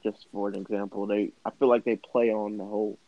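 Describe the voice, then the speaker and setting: A man's voice: lowish voice, flat delivery, fairly quick, creaky, dry recording, highs cut off. A man co-hosting a podcast, talking about rap in a laid-back, joking way. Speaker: podcast co-host. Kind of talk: casual hip hop debate.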